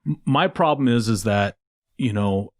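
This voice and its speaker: A man co-hosting a sports talk show, speaking casually with a sarcastic, questioning tone and drawn-out phrasing. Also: fairly low pitch, animated. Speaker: sports podcast co-host.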